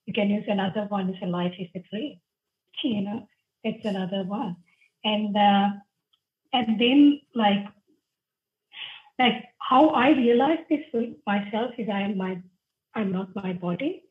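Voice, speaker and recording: A young adult woman from Sri Lanka, a life coach guest, speaking earnestly on a video call from home. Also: mid-range voice. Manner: earnest, frequent affirming murmurs. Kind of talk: casual video-call interview. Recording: dull video-call audio.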